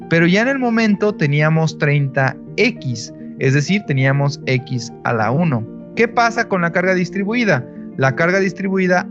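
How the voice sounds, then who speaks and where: A man teaching engineering, explaining step by step and often checking in with his students. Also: on the high side. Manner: patient, explanatory, checks with "¿sale?". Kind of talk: explaining a lesson. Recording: slightly dull audio with faint music.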